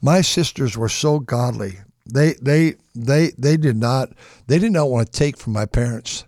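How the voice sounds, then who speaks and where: A man's voice: medium pitch, a little slow, darkish tone, no echo, studio quality. A male pastor reading Scripture and preaching in an emphatic manner, with repeated words and rhetorical questions. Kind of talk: radio sermon, Bible reading with commentary.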